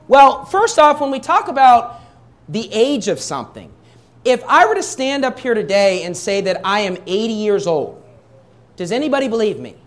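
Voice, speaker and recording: Man preaching with rhetorical questions. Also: high voice. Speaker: pastor. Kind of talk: sermon.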